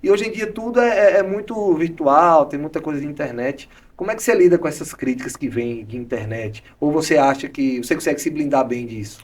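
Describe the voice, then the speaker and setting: Quick, agreeable male podcast host, slightly off-mic. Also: a little high, far from the mic. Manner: quick, agreeable interviewer, frequent affirmations. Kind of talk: podcast interview.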